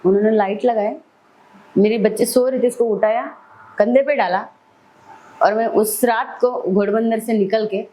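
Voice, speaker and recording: A woman's voice: fairly high pitch, fairly even intonation, moderate pace, pauses often, warm tone, low-quality recording. A middle-aged woman, a podcast guest telling her life story vividly. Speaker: celebrity hair stylist, podcast guest. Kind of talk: personal storytelling in an interview.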